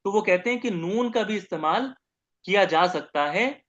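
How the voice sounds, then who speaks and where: A man's voice: sits high, lively intonation, moderate pace, fairly bright tone, highs cut off. A man teaching Arabic grammar in a recorded lecture, explaining patiently and drawing out sounds when he demonstrates them.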